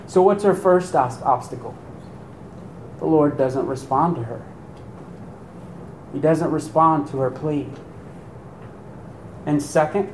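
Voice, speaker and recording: Male preacher, lively delivery, rhetorical questions to the pews, slightly raised pitch, roomy echo. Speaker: pastor. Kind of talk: sermon. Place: church sanctuary. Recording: echoey room with faint rumble.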